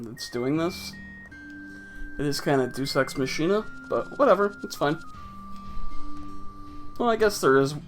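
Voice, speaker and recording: A man casually commenting on his own gameplay with wry, offhand, sarcastic asides. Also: mid-range voice. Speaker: let's play host.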